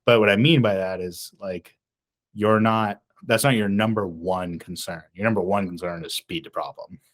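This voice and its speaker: A man with a fairly low voice talks through ad design on a casual podcast. He wanders, restarts his sentences and fills gaps with ums. Now and then he laughs at himself. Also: normal speed. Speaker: podcast co-host. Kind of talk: casual podcast chat about advertising.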